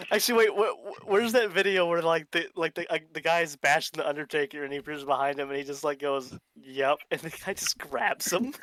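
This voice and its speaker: A man's voice: on the high side, moderate pace, a bit bright, no echo. A man chatting casually as a player in a tabletop game, bantering with the group.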